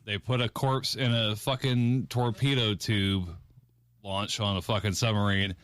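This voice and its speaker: A man's voice: fairly low pitch, fairly even intonation, measured pace, a bit bright, clear, resonant tone, no echo. A man co-hosting a podcast, telling stories crudely with heavy swearing. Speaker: podcast co-host. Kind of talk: casual profane chat.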